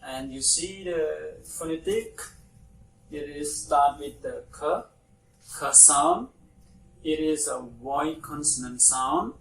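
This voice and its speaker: Slow, patient man with a Cambodian accent. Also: fairly high pitch, a bit bright. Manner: very slow, repeats each word many times. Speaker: English pronunciation teacher. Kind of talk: slow step-by-step pronunciation lesson. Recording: echoey room, distant mic, faint noise.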